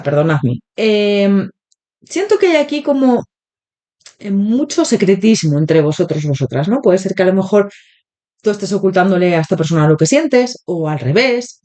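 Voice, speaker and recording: A warm, medium-pitched woman with a Spanish accent from Spain hosts an interactive tarot reading on her channel, addressing viewers directly. Her throat is still sore from a cold, and she chats along with plenty of filler pauses.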